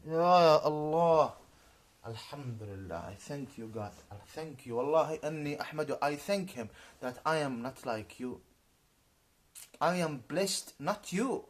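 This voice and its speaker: A man of about forty in a ranting YouTube monologue, halting and repetitive, swinging between shouted outbursts and low muttering. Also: lively intonation.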